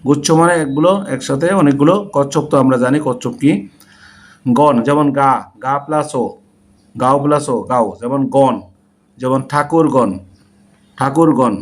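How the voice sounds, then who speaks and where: A man teaching a language lesson, spelling out letters slowly and deliberately, one at a time. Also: mid-range voice, steady tone. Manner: slow, deliberate letter-by-letter dictation. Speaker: English teacher.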